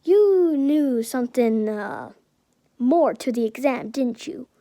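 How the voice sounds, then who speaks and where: A woman's voice: high-pitched, expressive, takes it slowly, warm tone, exaggerated voice. Woman doing a strict, formal teen class leader.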